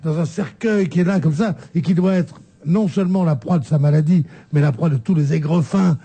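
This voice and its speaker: A male radio panelist with a fairly high but dark voice and a husky edge. He explains things in a mock-lecturing tone and teases the host. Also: brisk. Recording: radio broadcast.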